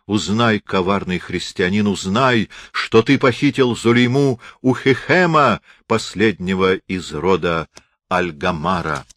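A male narrator gives voice to a proud, defeated Moorish knight in an audiobook, declaiming loudly in a raised, defiant pitch. The reader's low voice shows through. The sound is dry and close. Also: animated, a little slow, no echo. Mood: defiant bitter. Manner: declaiming loud and high, defiant. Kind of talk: audiobook character reading.

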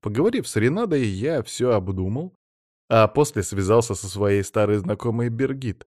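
A man narrating a science fiction audiobook in first person, measured and even. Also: fairly low pitch, no echo, clean studio sound.

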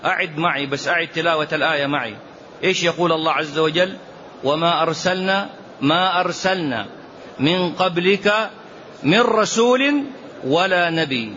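A man's voice: on the high side, normal speed, sharp tone, slight background noise. A man giving a religious lesson, emphatic, repeating phrases and drawing out quoted verses. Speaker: sheikh teaching a lesson. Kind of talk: religious lesson explaining a poem. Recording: dull lo-fi lecture recording with faint ambience.

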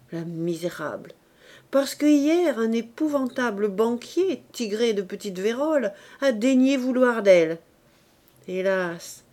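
A woman's voice: medium pitch, a little mellow, close to an everyday voice. A woman reading the part of a cynical drunken young man in an audiobook, ranting bitterly in a declamatory way.

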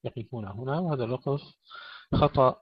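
A man teaching Quranic recitation rules, stopping to recite verses slowly and spell out how each sound is made. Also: medium pitch, breathy edge, no room sound. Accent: Arabic. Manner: slow deliberate demonstration of pronunciation, drawn-out recited words. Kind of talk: tajweed lesson with recited verses. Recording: dull lo-fi recording.

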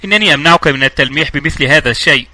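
A man's voice: a little high, very fast, sharp tone. A man reading the lines of a frightened, wary young woman in an anxious tone. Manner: anxious, pleading. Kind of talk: audiobook dialogue reading.

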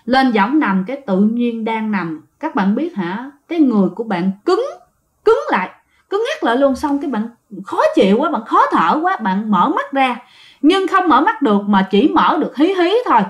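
A woman's voice: fairly high pitch, big pitch swings, normal speed. A woman telling a true ghost story casually, talking straight to her listeners. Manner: chatty, addresses listeners directly. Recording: dull lo-fi sound.

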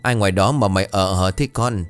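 A worried old grandmother in a spoken ghost story, scolding in anxious warnings, voiced by a man telling the tale. The voice stays low and plain, close to his own reading voice, with faint music underneath. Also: brisk, clean tone, natural voice.

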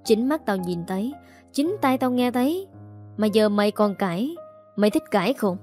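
A harsh young master of the house barks cold threats at a servant, as a woman narrator reads his lines. The voice stays mellow and warm, with soft music under the storybook reading. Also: medium pitch, lively intonation, moderate pace, natural voice. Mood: threatening.

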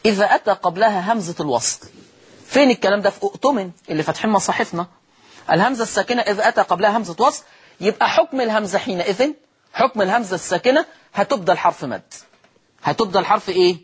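Very fast and expressive, a high-pitched, slightly rough-voiced Egyptian man gives a televised Quran recitation lesson. He keeps repeating and stretching example words and answers the questions he asks.

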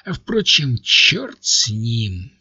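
A man's voice: medium pitch, wildly swooping pitch, extremely slow, pushed and bright, slightly rough, no room sound, muffled recording, full character voice. A man voicing a flustered hero who lectures and then protests in exasperation. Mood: lecturing. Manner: exasperated, pleading.

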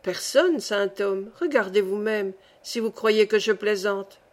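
A woman's voice: medium pitch, measured pace, close to an everyday voice. A woman voicing a kindly old male saint who keeps the gate of heaven, speaking in a genial, reassuring way.

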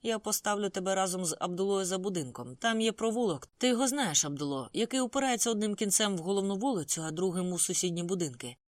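A reader as a calm, commanding gang boss. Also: medium pitch, dry recording, voice pushed up, close to an everyday voice. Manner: firm, measured orders.

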